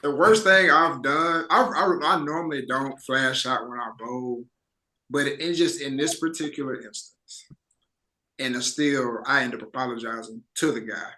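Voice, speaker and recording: A man's voice: mid-range voice, normal speed, pushed and bright. A man hosting a podcast in casual chat, rambling and repeating words as he tells a story. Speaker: podcast host.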